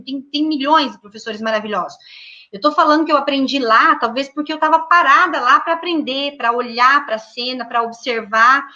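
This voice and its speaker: A woman educator speaking in an online panel, lively and acting out classroom talk. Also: high voice, muffled recording. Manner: lively, acts out classroom dialogue. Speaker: guest speaker, early childhood educator.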